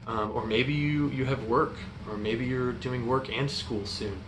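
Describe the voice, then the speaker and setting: A young man giving an informal youth group sermon in an earnest, halting, hesitant way. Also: medium pitch, steady tone. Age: young adult. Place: indoor room in front of a stone fireplace. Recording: echoey room, clear background noise.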